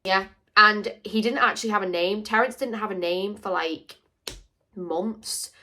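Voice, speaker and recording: A woman's voice: medium pitch, measured pace, bright, forceful tone. Young woman rambling thru a q&a vlog, jokey and chatty. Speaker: vlogger. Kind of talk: casual Q&A chat to camera.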